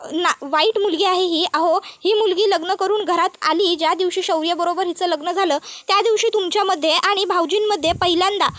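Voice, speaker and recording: A woman's voice: extremely high pitch, fairly even intonation, a little fast, few pauses, a bit bright, no echo. A woman voicing a furious, proud middle-aged mother-in-law who scolds insistently. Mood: angry.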